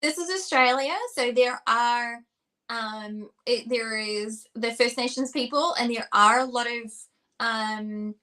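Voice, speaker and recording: Casting: New Zealand woman, podcast co-host, earnest and rambling, voice a touch high. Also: takes it slowly, bright, forceful tone. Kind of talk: casual podcast chat.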